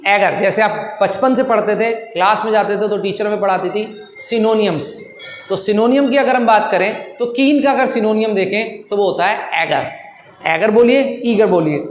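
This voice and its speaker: A man's voice: high voice, slight background noise. Indian man teaching English in an echoey room. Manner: friendly, mixes Hindi and English, repeats and spells words out. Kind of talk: online English lesson. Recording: echoey room with long reverb.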